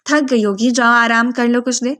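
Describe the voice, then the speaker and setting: A woman voicing a caring, gently teasing middle-aged mother in a storybook reading. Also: a little high, steady tone, a little hiss or hum, natural voice. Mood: fond.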